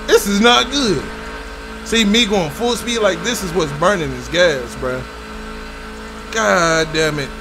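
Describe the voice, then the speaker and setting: A young man giving excitable, laugh-filled live commentary on his gameplay as a streamer, swearing often. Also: high voice. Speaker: gaming streamer.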